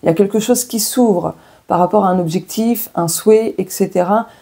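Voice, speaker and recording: A woman's voice: medium pitch, normal speed, vocal fry, warm tone, breathy edge. A woman with a French accent doing a casual weekly tarot and oracle card reading, chatting and thinking aloud with many fillers and asides.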